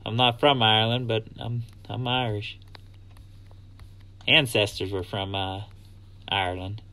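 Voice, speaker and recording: Slow-talking bright-voiced male streamer. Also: lowish voice, level tone. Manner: laid-back, greets chatters. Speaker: gaming streamer. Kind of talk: casual gaming stream chat. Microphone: phone mic.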